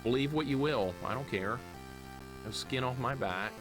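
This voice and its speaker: A southern US man in his forties, a live streamer, chats casually with viewers while playing a video game, grumbling in sweary, joking exasperation. His medium-pitched voice moves at normal speed. The low-quality recording has retro video game music playing behind him.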